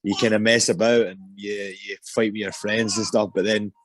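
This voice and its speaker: A young Scottish man with a low voice answers interview questions in a loose, halting way, full of ums and restarts. The sound is close and dry, with no room around it. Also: level tone, no room sound. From Scotland. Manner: hesitant, many ums and restarts. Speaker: interview guest, MMA fighter.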